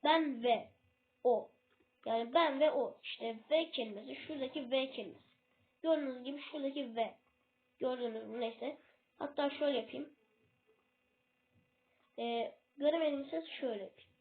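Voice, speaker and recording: High-voiced woman with a tinny phone sound. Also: normal speed, long pauses. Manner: hesitant, often losing her place and self-correcting. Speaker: self-made English tutor. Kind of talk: casual explanatory video lesson.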